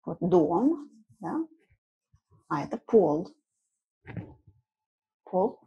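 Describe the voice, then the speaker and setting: A language teacher in her thirties gives an informal lesson from a small room at home, speaking slowly in a mellow, soft-edged, husky voice that's lowish with big pitch swings. She keeps explanations simple, repeats key words and checks in with short tag questions. The recording is muffled.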